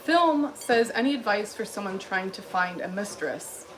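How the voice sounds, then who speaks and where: A woman's voice: medium pitch, lively intonation, normal speed, slight background noise, low-quality recording. A woman from Illinois hosting a casual livestream, reading chat comments in a blunt, dry, dismissive way while walking on a treadmill.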